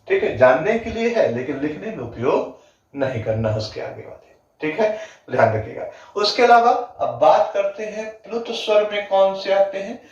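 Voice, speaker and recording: A fairly high-voiced man teaching a grammar lesson for exam students, stretching out his words and asking questions that he answers himself. He stands away from the mic in a very echoey room. The sound is dull and lo-fi. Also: distant mic. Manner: asks the class questions then answers them himself; repeats definitions slowly with drawn-out words.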